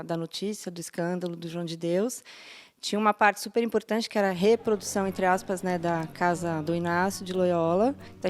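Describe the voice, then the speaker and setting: A woman, an art director, describing her work in an interview, descriptive and enthusiastic. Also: mid-range voice. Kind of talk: behind-the-scenes interview.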